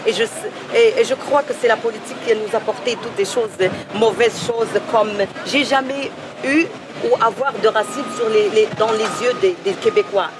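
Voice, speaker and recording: A woman answering a street interview earnestly, with many pauses and fillers. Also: on the high side. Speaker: passer-by interviewee. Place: outdoors on a city street. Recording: noisy outdoor street recording. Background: traffic noise.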